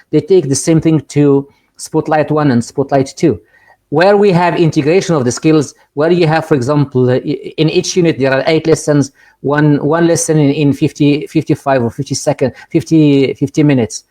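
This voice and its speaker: A guest speaker, a middle-aged Moroccan man who supervises ELT, addresses teachers by video call in a webinar lecture with Q&A. His mellow, darker voice carries a clear Moroccan accent at a moderate pace, and he speaks earnestly, tripping over and repeating words but rising in pitch on key points.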